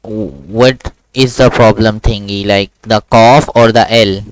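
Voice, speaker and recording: A man teaching a Quran class online to a child, patiently repeating words slowly for the student to copy. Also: lowish voice, steady tone, clean tone, dry recording, rough recording. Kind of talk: one-on-one online lesson.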